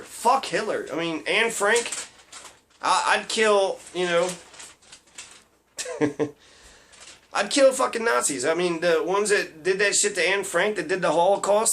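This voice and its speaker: High-voiced man in a sweary rant. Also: fairly bright tone. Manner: sarcastic, rambling, swears a lot, laughs at his own jokes. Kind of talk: profane ranting monologue.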